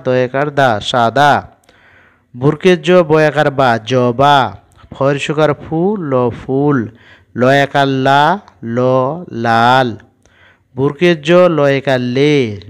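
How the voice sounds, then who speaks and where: A man teaching young children to read, spelling out each word letter by letter in a patient, steady way. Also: medium pitch, clean tone. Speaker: primary school teacher. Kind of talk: spelling-out reading lesson for children.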